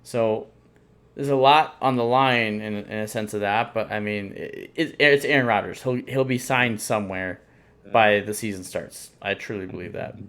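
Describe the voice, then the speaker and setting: A man's voice: lowish voice, normal speed, a bit bright. A man co-hosting a sports podcast in casual chat, rambling with lots of fillers and restarts. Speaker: podcast co-host.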